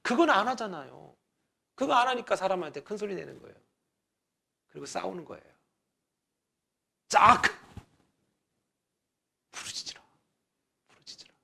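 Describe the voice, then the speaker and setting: A man pastor preaching a Sunday sermon in a chatty way, dropping at times to a near whisper and rising to loud exhortation. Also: high voice, very animated, a little fast, gravelly, long pauses, slightly rough.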